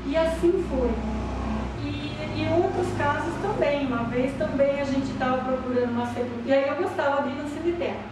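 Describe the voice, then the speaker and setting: A woman's voice: high-pitched, brisk. A Brazilian woman, a spiritualist medium, telling anecdotes in an interview and acting out the dialogue she recalls. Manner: chatty, acts out quoted dialogue in anecdotes. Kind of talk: casual interview storytelling. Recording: roomy, distant mic with background noise.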